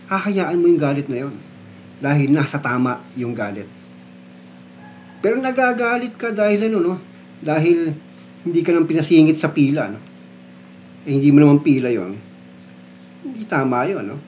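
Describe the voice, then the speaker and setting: A man's voice: fairly high pitch, lively intonation, moderate pace, pauses often, a little mellow, slight background noise. A man explaining philosophy in a casual, conversational way, often checking in with his listeners. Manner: conversational, frequent tag questions and fillers. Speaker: philosophy lecturer.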